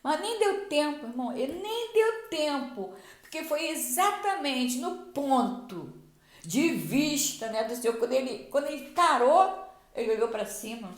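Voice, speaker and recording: A woman's voice: sits high, big pitch swings, unhurried. Earnest woman preaching in an echoey room. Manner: earnest, repetitive, with many restarts. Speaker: Bible teacher at a church program. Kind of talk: sermon-style Bible teaching. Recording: roomy echo.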